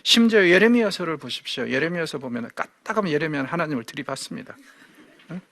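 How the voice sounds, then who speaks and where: A man's voice: a little high, lively intonation, fast, gravelly, fairly bright tone, dry recording. A man giving a Bible lecture, asking his listeners rhetorical questions and acting out quoted speech. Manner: asks the audience rhetorical questions; acts out quoted speech vividly.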